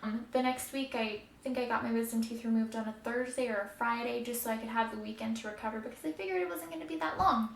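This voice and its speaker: A woman's voice: a little high, fast, creaky, few pauses. A woman telling a personal story casually to the camera, candid and conversational, with emphasis on how uncomfortable things were. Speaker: vlogger telling a recovery story. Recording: echoey room with faint background noise.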